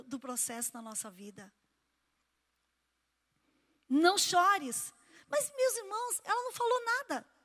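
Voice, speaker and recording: A woman pastor delivers an impassioned sermon in a church. Her voice sits very high and rings bright. She speaks slowly, rising to loud cries and dropping to soft, low passages.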